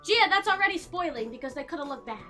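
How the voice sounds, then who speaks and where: A young woman streams a game live and chats to her viewers. Her voice sits very high and bright, and she gets excitable and loud as each round plays out. Faint game music plays behind her. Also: fast.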